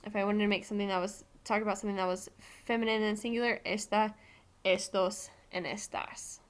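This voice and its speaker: A woman's voice: medium pitch, little pitch movement, fairly quick. An American woman Spanish teacher giving a recorded classroom lesson, explaining patiently step by step with frequent ums.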